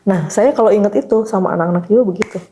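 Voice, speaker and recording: A woman's voice: mid-range voice, rapid-fire, slight background noise. A woman teacher talking as a podcast guest in a casual interview, telling stories and acting out the lines of the people in them. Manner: lively storyteller who acts out quoted dialogue.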